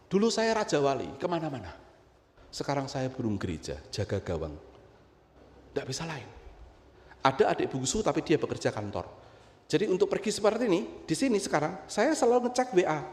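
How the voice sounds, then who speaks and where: A middle-aged man from Indonesia, a pastor telling a personal story in a sermon, dropping to quiet low asides and rising to loud high outbursts. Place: church hall. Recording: roomy church hall with long reverb.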